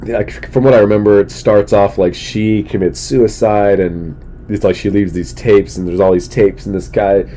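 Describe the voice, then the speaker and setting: Stuffy and plainly ill, this middle-aged comic speaks at a normal pace in a steady, mellow voice, losing it as he goes and clearing his throat. His solo podcast is a loose, rambling monologue peppered with slang, recorded amid noticeable low-rumble noise.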